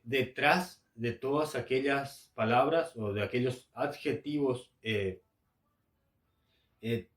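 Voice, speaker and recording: A man from Argentina explains a grammar lesson at a very slow, unhurried pace. He hesitates, fills gaps with filler sounds and repeats his points. His voice sits at a middle pitch and echoes around a roomy space. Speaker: English teacher. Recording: echoey room.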